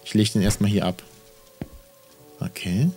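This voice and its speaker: A man's voice: on the low side, steady tone, a little slow, over loud music. A man in his thirties giving casual let's play commentary as a horror game streamer, muttering to himself and reacting uneasily, spooked by the game.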